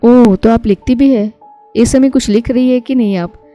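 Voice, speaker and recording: A woman voicing a polite, curious young working woman stranded on a night road, in a mellow tone. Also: a little high, moderate pace, faint music behind, natural voice. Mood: friendly.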